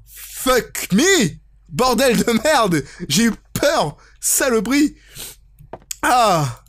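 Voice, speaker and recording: A gaming YouTuber giving expressive, jokey let's play commentary on a horror game, prone to exclaiming and swearing. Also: medium pitch, very slow. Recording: game music behind the voice. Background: horror game music.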